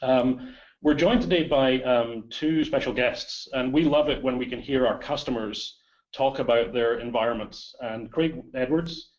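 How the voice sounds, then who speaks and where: A man with a hoarse, whispery voice from a cold, hosting a business webinar and hesitating with many fillers. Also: medium pitch, a little slow, darkish tone. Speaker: webinar host, marketing director. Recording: dull lo-fi webinar audio.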